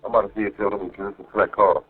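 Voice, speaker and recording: Very fast and husky, a man with a lowish voice and a flat delivery vents profanely to his partner from a jail phone. He rambles, repeats himself and tosses in "you know what I mean" to check he's understood. Faint music runs beneath the muffled line.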